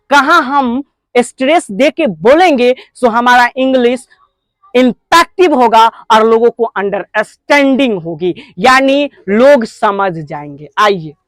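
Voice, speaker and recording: A woman with an Indian accent teaching spoken English, breaking words into slow, stressed syllables. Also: high voice, no room sound. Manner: drawn-out, stressed syllable drills. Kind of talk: classroom lesson.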